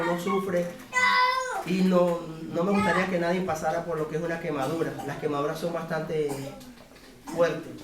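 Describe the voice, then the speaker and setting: A man's voice: high voice, darkish tone. Man, earnest church testimony, fervent, echoey hall, distant from the mic. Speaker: church member giving a testimony. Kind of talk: personal testimony to a congregation.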